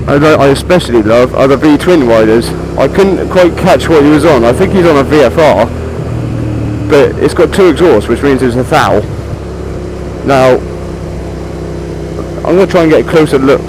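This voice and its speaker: A British man talks from inside a motorcycle helmet, with clear vehicle noise around him. His pitch is average for a man. He rambles along in an informal, chatty way, like a rider vlogging on the road, and drops in mild swearing. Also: animated, normal speed. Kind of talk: casual motovlog chat to the viewer while riding.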